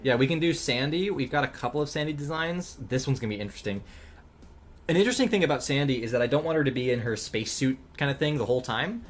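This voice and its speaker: Relaxed, rambling male streamer. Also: mid-range voice, fast talker. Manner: relaxed, rambling, thinks aloud with frequent ums and laughs. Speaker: streamer and animator. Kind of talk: casual chat while drawing on a livestream.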